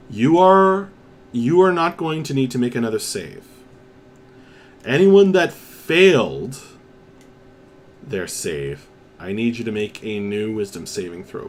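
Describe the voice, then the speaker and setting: A man running a tabletop game as game master, talking through a deep pitch-shifted voice changer with a slow, hesitant delivery. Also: slight background noise. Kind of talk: narrating a tabletop game over voice chat.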